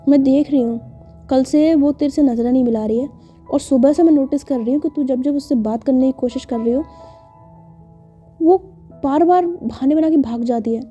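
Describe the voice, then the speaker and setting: A woman's voice: sits high, normal speed, dark tone, natural voice. A woman voicing a confident young woman who teases and insists bossily, in a lo-fi recording with faint music. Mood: pressing. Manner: teasing, insistent, scolding. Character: bossy teasing young woman, confident best friend. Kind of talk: storytelling voice acting.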